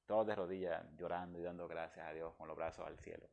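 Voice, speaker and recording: A man's voice: sits low, steady tone, fast talker, vocal fry, dull audio. A man from the Dominican Republic, speaking as a guest and giving an emotional personal testimony in an earnest, heartfelt way.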